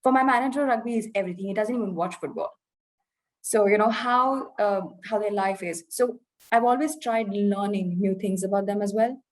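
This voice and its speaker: In a candid conversational interview, a young Indian woman reflects earnestly on her experience, her Indian English now carrying British notes from years in the UK. She speaks at a middling pitch, often stopping, filling, and starting over as she hunts for the right words.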